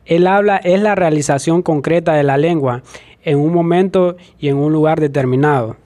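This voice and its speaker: A man reading phonetics definitions aloud in a careful, measured way. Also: fairly high pitch, mellow.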